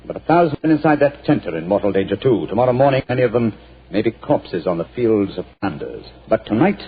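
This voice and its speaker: An actor playing Sherlock Holmes, a cool-headed gentleman detective, in a 1940s radio drama, speaking in a calm, measured, rhetorical way. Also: fairly low pitch, slightly rough, full character voice. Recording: tinny old radio broadcast.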